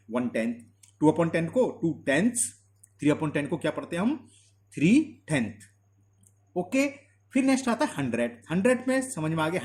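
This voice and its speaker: A man teaching a maths lesson, mixing Hindi with English terms, asking and answering his own questions and slowing down to dictate definitions. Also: a little high, a little mellow. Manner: slows to dictate definitions word by word. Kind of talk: classroom lesson explanation.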